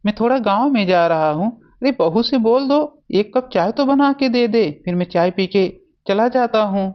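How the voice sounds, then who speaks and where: A woman voicing a kindly older father-in-law in a cartoon family story, calm and plain-spoken. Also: medium pitch, moderate pace, dull audio, lightly acted.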